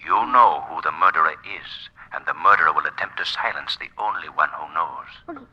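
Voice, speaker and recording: An actor playing a menacing, all-knowing invisible avenger in a 1940s radio drama, ominous and theatrical, through a radio-like filter. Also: male voice, extremely low pitch, fairly quick, bright, forceful tone, breathy edge, muffled recording, full character voice.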